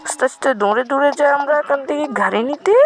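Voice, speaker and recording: Speaking quickly in a high voice, the woman gives casual commentary on her gameplay, repeating short phrases for each action she takes. A crowd can be heard behind her, and the noisy recording also carries vehicle and siren sounds.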